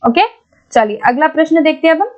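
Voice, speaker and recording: Woman teacher, high voice, goes over exam questions patiently, kinda dull lo-fi audio. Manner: explains patiently, repeats points, keeps checking with "ठीक है"; reads English questions out slowly. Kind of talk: exam-prep lesson.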